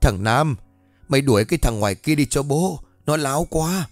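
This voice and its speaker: A man voicing an agitated old village man who sees spirits, shouting in anger as he reads a ghost story. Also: mid-range voice, animated, moderate pace, dry recording, soft background music, natural voice. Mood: enraged.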